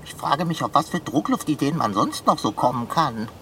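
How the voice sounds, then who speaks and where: Dramatic housecat in a kids' radio play, whiny and self-pitying, pitch bouncing all over, a woman voicing him; faint hiss behind. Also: sing-song, a little slow, fairly bright tone. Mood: grumbling. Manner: whiny, dramatic, calls for help. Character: fussy male cat stuck in a pipe.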